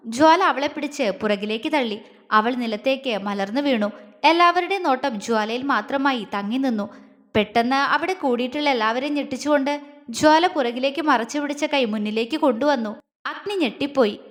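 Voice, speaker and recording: A woman storyteller narrating an audio drama in a steady reading voice. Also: sits high, moderate pace, long reverb tail.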